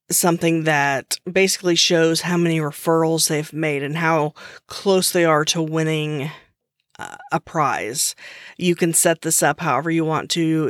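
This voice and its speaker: A woman hosting her own podcast talks through a subject in a relaxed, unscripted way, often restarting a sentence as she goes. Her delivery is slow and easygoing. The sound is dry and close, with no room echo. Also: low voice. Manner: chatty, restarts often, uses fillers. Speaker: podcast host. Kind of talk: casual solo podcast explainer.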